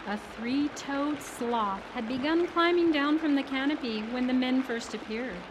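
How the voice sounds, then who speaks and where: Slow, measured woman storyteller. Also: high-pitched, background noise. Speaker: narrator. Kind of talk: storybook read-aloud.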